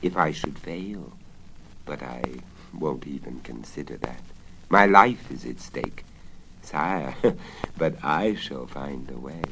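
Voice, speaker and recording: A man's voice: a bass voice, lively intonation, slow pace, creaky, bright, forceful tone, heavily acted. A man voicing a cunning, greedy old wizard in a theatrical, coaxing storybook manner on a crackly vinyl record. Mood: sly, grave. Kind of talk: dramatic storybook reading. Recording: crackly 1970s vinyl spoken-word record.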